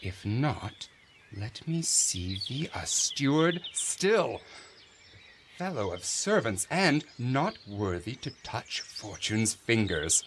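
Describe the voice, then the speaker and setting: A man's voice: medium pitch, big pitch swings, takes it slowly, background noise. An actor playing a pompous, self-deluded male steward who reads aloud in a preening, theatrical way. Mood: reading smugly. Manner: preening, savoring each word, theatrical swoops. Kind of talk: amateur reading of a classic stage play.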